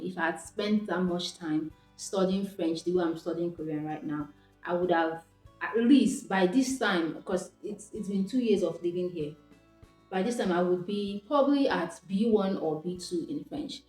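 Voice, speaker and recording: A young Nigerian woman whose first language is Igbo talks reflectively to camera in a casual vlog. Her voice is on the low side at a moderate pace, and she frequently restarts and corrects herself. The room is echoey, with faint background music.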